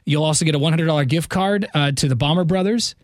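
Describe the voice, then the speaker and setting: A man's voice: a little high, fast, dry recording, clean studio sound. A man hosting a morning radio show, joking and bantering in an upbeat way. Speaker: radio host. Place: radio studio. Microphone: studio mic.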